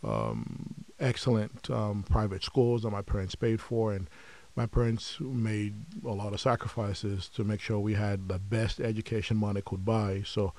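Measured Nigerian-born man, mellow voice. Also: on the low side, creaky. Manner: measured, frequent um fillers, reflective. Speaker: podcast guest, company founder. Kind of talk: conversational interview.

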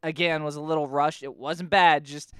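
A man's voice: on the high side, steady tone, normal speed, fairly bright tone, clean tone, no room sound, studio quality. A man co-hosting a podcast, chatting casually with a wry, joking way of talking. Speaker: podcast co-host. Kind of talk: casual chat.

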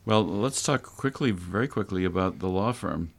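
Guy hosting talk radio, low gravelly voice, giving folks practical advice directly. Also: lively intonation, moderate pace. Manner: instructive, addresses listeners directly. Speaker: radio show host.

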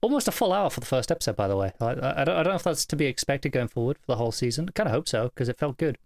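A man co-hosting a podcast in casual chat, making quick offhand remarks. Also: mid-range voice, lively intonation, vocal fry, no room sound, studio quality. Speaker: podcast co-host.

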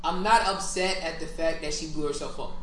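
A woman's voice: low voice, fairly quick. A young woman in casual chat, brash and emphatic, swearing freely in slangy frat-bro fashion. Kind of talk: casual chat about cartoons. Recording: echoey room with background noise.

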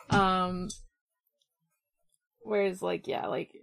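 Woman on a podcast, gravelly voice, slow rambly casual chat with tons of "like"s. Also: mid-range voice, fairly bright tone. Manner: rambling, many "like" fillers. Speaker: podcast co-host.

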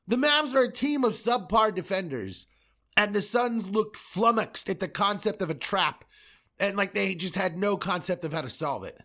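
A fuming man on a solo sports podcast, swearing freely and repeating himself. His voice sits high and lurches up and down in pitch. One moment he is shouting, the next he is muttering. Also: expressive, normal speed. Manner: angry, profane, repetitive ranting; swings from loud outbursts to muttering. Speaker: podcast host.

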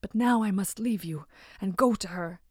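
Woman doing a sad cursed bear guy from a fairy tale, earnest, hushed at times. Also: medium pitch, normal speed, breathy edge, no room sound, studio quality, natural voice. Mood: solemn.

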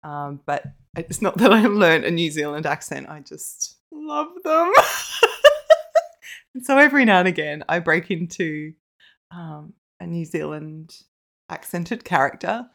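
A young woman co-hosting a casual chat podcast, playful and quick to laugh. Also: lowish voice, lively intonation, creaky, a bit bright. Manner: playful, laughs often, breaks into jokes. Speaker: podcast co-host.

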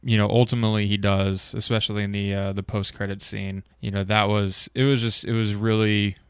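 A man's voice: on the low side, flat delivery, brisk, clean tone, dry recording, studio quality. A man hosting a casual film chat, rambling with lots of fillers and swearing when he gets worked up.

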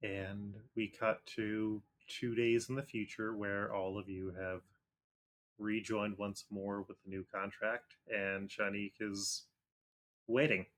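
A man narrating as game master of a tabletop game, speaking in a relaxed way with frequent fillers. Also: on the low side, takes it slowly.

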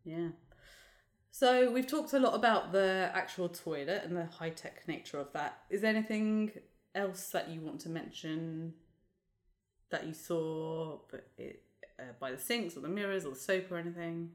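A woman co-hosting a podcast in casual chat, chatty and quick to laugh. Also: on the low side. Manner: chatty, laughs often, animated asides. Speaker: podcast co-host.

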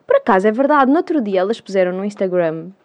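A young woman with a European Portuguese accent, co-hosting a casual chat and speaking her mind while she quickly corrects details. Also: mid-range voice, sing-song, a little mellow. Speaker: podcast co-host.

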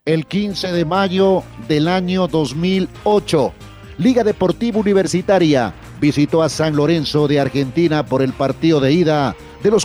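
A man with an Ecuadorian accent presenting sports news as a radio host, in a measured way. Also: fairly high pitch, dark tone.

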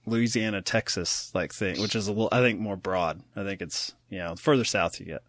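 A man's voice: low voice, fairly even intonation, a little fast, a bit bright, dry recording. A man hosting a film podcast, chatting casually with lots of fillers and laughs. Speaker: podcast host. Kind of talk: casual chat.

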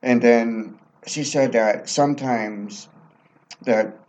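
A man's voice: mid-range voice, steady tone, slow pace, darkish tone. A man telling personal anecdotes casually as an interview guest, recorded in a basement with muffled sound. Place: library basement.

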